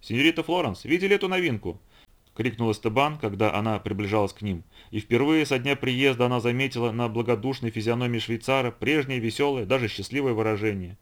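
A man narrating an audiobook in an even, measured way. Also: mid-range voice. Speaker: audiobook reader. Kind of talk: scripted narration.

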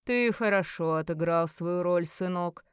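A cruel old male sorcerer, put on by a woman reading a storybook, speaks slowly with a lowered, commanding weight. His words come out heavy and loud. The recording is dry and close. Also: clean tone, no room sound, natural voice. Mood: approving. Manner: slow, low and commanding.

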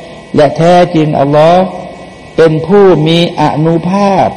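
A male Quran teacher with a slightly high, mellow voice delivers an unhurried, sermon-style commentary, posing questions to his listeners and answering them himself. Between plain explanations he chants Arabic verses. The recording has a long hall reverb and faint background noise.

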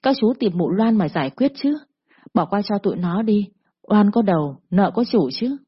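A woman's voice: mid-range voice, animated, normal speed, husky. Woman reading an older village uncle, earnest plea, dull lo-fi storybook audio. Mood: pleading. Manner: earnest, pleading. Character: older village man pleading for the children. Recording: dull lo-fi recording.

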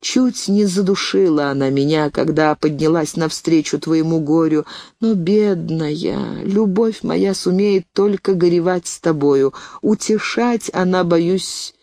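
A woman reading the part of a grieving, remorseful older spinster aunt, slow and anguished. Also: lowish voice, warm tone, dry recording, clean studio sound. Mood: grave, consoling. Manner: anguished, self-reproaching, then grave and soothing.

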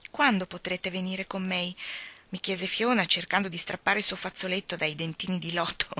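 A woman reading a novel aloud in a soft, at times whispered narration. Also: lowish voice. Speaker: reader.

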